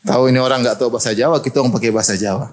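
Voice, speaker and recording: A middle-aged man from Indonesia preaching a sermon, animated and joking and often laughing. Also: medium pitch, rapid-fire.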